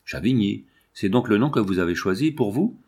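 Eager young woman as a man reads her, audiobook reading, lifted excited voice, low male tone beneath. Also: brisk, breathy edge. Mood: curious.

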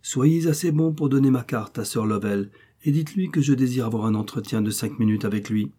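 Man voicing determined young traveler, firm, insistent, warm husky tone, storybook reading. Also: mid-range voice, fairly quick, lightly acted.

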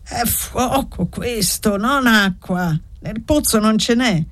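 A woman reading an audiobook aloud, voicing a sick, bitter old man who rages and grumbles gruffly. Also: on the high side, slow, voice pushed up. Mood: grumbling. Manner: gruff, raging then muttering.

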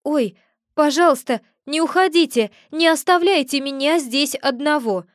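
Woman playing a courteous, scared man begging to be let out, high and whiny, dry close sound. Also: animated, a little slow, no echo. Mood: pleading. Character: polite, frightened young man trapped underfloor.

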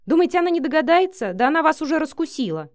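A woman's voice: high voice, sing-song, quick pace, dry recording, voice pushed up. A defiant young woman, voiced by a woman narrator. She speaks with pointed indignation, hurt underneath. The audiobook recording is close and dry. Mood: indignant.

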